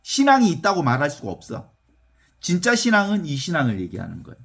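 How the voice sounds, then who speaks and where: A middle-aged man preaches in a folksy, animated manner, often turning to his listeners to ask whether they agree. His voice sits high and swings widely in pitch as he talks. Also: fast talker, creaky. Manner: animated, folksy, asks listeners "right or not?". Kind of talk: sermon with text reading.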